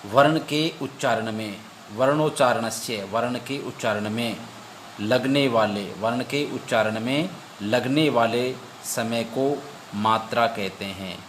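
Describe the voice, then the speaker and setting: A man teaching an exam-prep lesson. He recites verses slowly and repeats each point as a question he then answers. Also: medium pitch, a bit bright, slight background noise.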